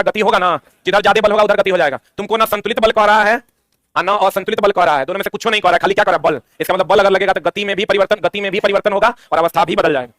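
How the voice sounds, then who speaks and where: Male exam tutor, very fast, high and bright, dry close sound, quizzes nonstop. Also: no room sound. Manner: rapid drilling with repeated questions and answers. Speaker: teacher. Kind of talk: exam-prep science lesson.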